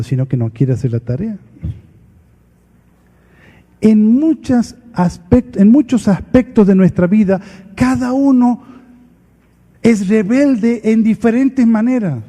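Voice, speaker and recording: A man preaches a sermon at a conference retreat. His voice sits high for a man and sounds mellow rather than bright. He acts out the dialogue in his examples emphatically, and the sound trails off in the long reverb of a large hall.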